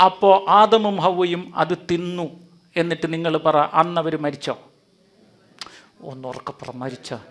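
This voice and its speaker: A man preaching an animated sermon in a hall before a live audience, calling on listeners to answer aloud. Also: a little high, a little slow, long pauses. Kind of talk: lively sermon with audience interaction.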